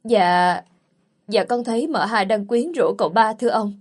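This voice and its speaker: A woman reading the part of a young servant girl with a shrill voice who loudly tattles. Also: normal speed, lightly acted. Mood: timid. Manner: wailing, accusing.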